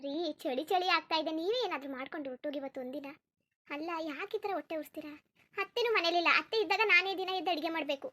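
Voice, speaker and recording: Woman doing a squeaky stubborn lazy wife. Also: bright, forceful tone. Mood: whiny. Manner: complaining, stubborn, rapid-fire. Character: lazy sleepy young wife, stubborn and whiny. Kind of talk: cartoon voice acting.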